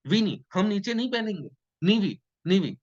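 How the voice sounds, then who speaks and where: A man's voice: sits high, big pitch swings, moderate pace, a little mellow, pitched above the performer's own voice. A man voicing a stubborn little boy of one or two who refuses in a sing-song way. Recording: dull lo-fi sound.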